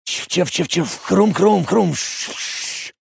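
A man's voice: sits high, drawn-out words, vocal fry, husky, dry recording, pitched above the performer's own voice, full character voice. Man voicing a foreman mimicking radio static. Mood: mock-glum. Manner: mouth noises imitating a radio breaking up. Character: stout flustered male mine foreman mimicking radio static. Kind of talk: audiobook narration with acted voices.

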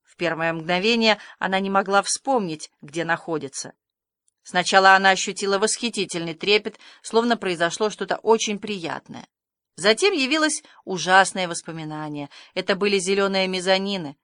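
Woman reading an audiobook, even middle voice, dry close mic, expressive storytelling. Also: medium pitch, normal speed, clear, resonant tone, no echo. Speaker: audiobook narrator. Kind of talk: scripted narration.

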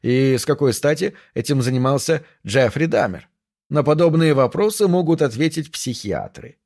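A man's voice: mid-range voice, animated, normal speed, darkish tone. A man reading an audiobook, voicing a pompous, self-satisfied police captain who talks grandly and gives orders. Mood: grandiose. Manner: grandiose, theatrical, commanding.

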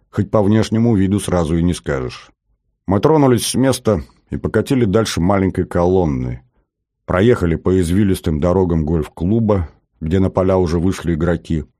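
A man narrating an audiobook in the first person, steady and measured, on a close mic. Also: low voice, dry recording.

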